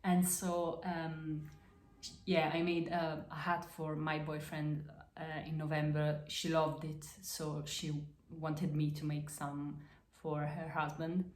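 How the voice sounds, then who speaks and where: A woman from Italy hosts a crafts podcast, slowly showing her knitting projects in halting, accented English riddled with fillers, restarts and self-corrections. Her slightly low voice is monotone and a little mellow, and the room is echoey.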